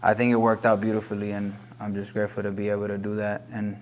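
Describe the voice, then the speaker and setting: A corrido singer in his thirties from Los Angeles speaks fast in a lowish voice with a completely flat delivery. As a guest in a casual interview, he reflects earnestly, now and then slipping into Spanish.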